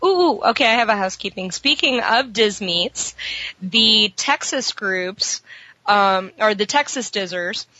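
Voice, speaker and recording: A woman's voice: medium pitch, measured pace, bright, forceful tone, no room sound, muffled recording. A woman podcast panelist talking in a casual, chatty style. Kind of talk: casual chat.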